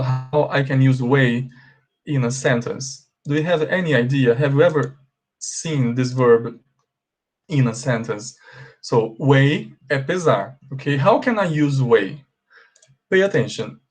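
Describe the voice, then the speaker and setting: Male English teacher with a Brazilian accent, mid-pitched voice, asks himself questions and slowly repeats the example sentences. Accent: Brazilian Portuguese. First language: Portuguese. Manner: asks and answers his own questions, slow drilled example sentences. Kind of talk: bilingual grammar lesson.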